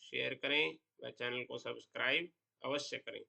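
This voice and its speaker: A man teaching a Sanskrit pronunciation lesson, explaining slowly and deliberately and drawing out example sounds. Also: mid-range voice, vocal fry, sharp tone.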